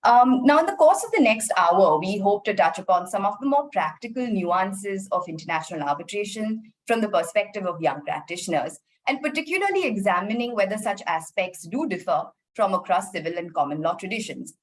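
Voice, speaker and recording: A woman moderating an online panel, polite and measured, with frequent "um" fillers. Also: medium pitch, lively intonation, rough recording. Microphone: video call.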